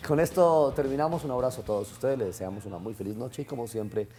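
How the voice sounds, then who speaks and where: A man's voice: medium pitch, fast talker, mellow. A man hosting a TV magazine show, leading the talk with friendly questions. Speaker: host. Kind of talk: late-night TV magazine chat.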